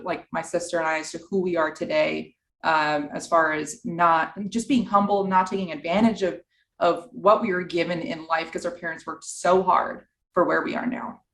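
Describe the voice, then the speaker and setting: Also a podcast guest from New York, this real estate investor has a fairly low, gravelly voice with a roomy sound. She recounts her story cheerfully in a bright, easygoing manner during a casual interview.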